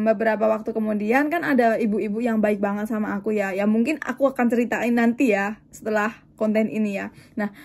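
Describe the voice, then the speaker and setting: A woman's voice: on the high side, vocal fry. A young woman from Indonesia who vlogs about life in Japan, chatting casually with viewers and acting out the conversations in her story. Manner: chatty, animated, acts out dialogue in quotes. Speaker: vlogger living in Japan.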